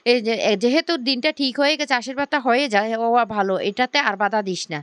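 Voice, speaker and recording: A woman's voice: fairly high pitch, brisk, fairly bright tone, clear, resonant tone, no echo, natural voice. A woman reading the lines of an elderly uncle who firmly heads the family.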